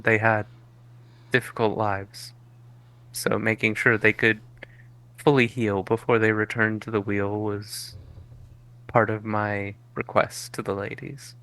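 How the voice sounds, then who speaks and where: Man doing calm caretaker Chiron. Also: on the low side, exaggerated voice. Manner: calm, matter-of-fact, unbothered by sarcasm. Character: calm male caretaker of a paradise, former teacher.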